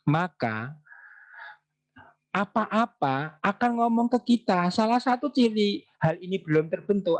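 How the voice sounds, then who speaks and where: A man giving an online parenting seminar, talking in a lively way and acting out dialogues between parents and children. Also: fairly high pitch. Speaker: parenting speaker.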